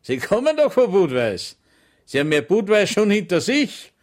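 A man's voice: high voice, sing-song, fairly quick, voice pushed up. A man doing a curt, sarcastic gendarme.

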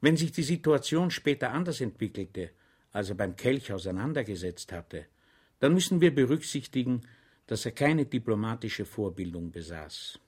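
A man narrates an audiobook with measured, wry delivery. His voice sits at a middling pitch. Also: big pitch swings, a little mellow, slightly rough.

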